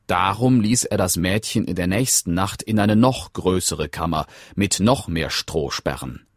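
Low-voiced guy reading a fairy tale, slow and lively, dry close mic. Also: no room sound. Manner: slow, expressive storytelling. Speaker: audiobook narrator. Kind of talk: scripted fairy-tale narration.

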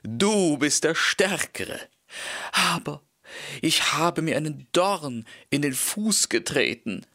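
A man voicing a crafty male horse who pleads and flatters, in a raised voice, in a storybook reading. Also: a little high, takes it slowly, voice pushed up, heavily acted. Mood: pleading.

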